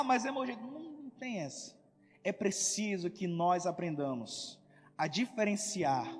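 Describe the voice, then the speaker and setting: High-voiced pastor preaching in an echoey hall. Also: male voice, a little mellow. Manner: conversational preaching with repeated phrases and acted examples. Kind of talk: sermon.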